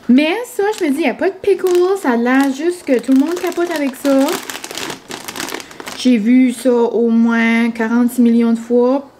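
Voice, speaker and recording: A woman's voice: sits high, dark tone, a little hiss or hum. A young woman, chatting casually for her vlog, full of fillers and dropping in English words. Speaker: vlogger. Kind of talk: casual chat.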